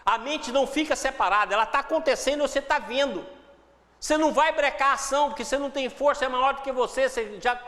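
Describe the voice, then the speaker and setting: High-voiced man giving a spiritual talk. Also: fast talker, bright, forceful tone, big-room sound. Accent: Brazilian Portuguese. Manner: acts out inner dialogues in shifting voices. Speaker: spiritual teacher.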